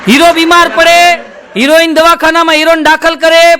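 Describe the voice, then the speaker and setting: A man's voice: very high voice, flat delivery, a little fast, noisy background. A man telling comic stories and moral lines to a live audience, often calling them sir and mimicking voices. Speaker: stand-up comedian. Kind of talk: live stand-up jokes and moral talk. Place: stage before a live audience.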